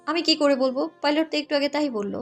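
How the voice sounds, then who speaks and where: A woman voicing a sharp, scolding young passenger. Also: sits high, quick pace, faint music behind, lightly acted.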